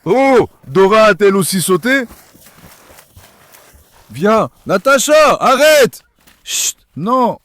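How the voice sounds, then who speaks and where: A man's voice: high-pitched, sing-song, takes it slowly, long pauses, a bit bright, slight background noise. A young man vlogging casually from his backyard pool, calling and coaxing his dogs with affection. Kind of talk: casual vlog chat.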